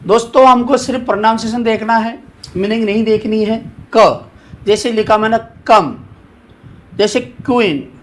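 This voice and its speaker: A man teaching a shorthand lesson, asking questions and answering them himself while he repeats each point. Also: sits high. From India. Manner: repetitive, asks and answers his own questions. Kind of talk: classroom lesson, explaining at a board.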